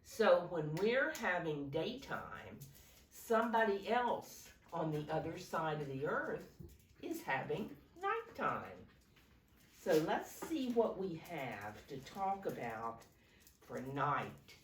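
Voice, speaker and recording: Like a preschool teacher reading aloud, a low-voiced woman reads and explains to small children, keeping things simple and instructive and often asking them questions. She speaks slowly in a sing-song, expressive way. The sound is roomy and a bit distant from the mic, with a little hiss or hum.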